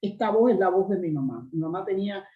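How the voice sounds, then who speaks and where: A woman's voice: medium pitch, quick pace. Resonant Cuban woman telling stories. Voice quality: strong, resonant voice. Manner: animated storyteller, lively asides. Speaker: actress, interview guest. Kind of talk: storytelling in a conversational interview. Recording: roomy, slightly dull recording.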